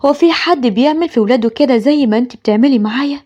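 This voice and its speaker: Voiced by a woman, a domineering Egyptian husband barks orders and threats in a storybook cartoon. The voice is husky and rather high, and the recording sounds muffled and lo-fi. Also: rapid-fire, a little mellow. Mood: bitter. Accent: Egyptian Arabic. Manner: commanding, threatening. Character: harsh controlling young husband.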